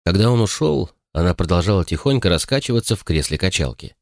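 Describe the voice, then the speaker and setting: Expressive man reading an audiobook. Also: sits low, fast talker, gravelly, dry recording, clean studio sound. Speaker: audiobook narrator. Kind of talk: scripted narration.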